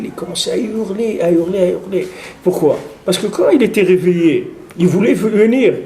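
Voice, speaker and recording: A man giving an informal religious lesson, telling stories with lively restarts and Hebrew terms. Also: a little high. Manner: animated storytelling, many restarts and Hebrew terms. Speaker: rabbi giving a Torah class. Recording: echoey room with faint noise.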